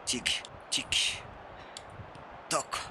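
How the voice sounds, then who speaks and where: A young Egyptian man with an Egyptian accent, live-streaming a football game and giving excited commentary while he taunts his opponent. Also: measured pace, background noise. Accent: Egyptian Arabic. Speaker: gaming streamer.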